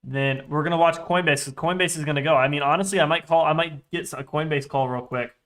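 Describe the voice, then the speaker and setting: Higher-pitched young man muttering through trades. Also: fast talker, fairly bright tone. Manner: restless, sweary, muttering to himself as he scans charts. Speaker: day trader livestreamer. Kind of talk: casual live trading commentary.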